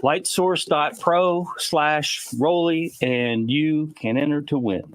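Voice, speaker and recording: A man's voice: on the high side, steady tone, slow. Casual man narrating a live unboxing. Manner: narrates each step while working, slightly out of breath. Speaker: host unboxing a laser engraver.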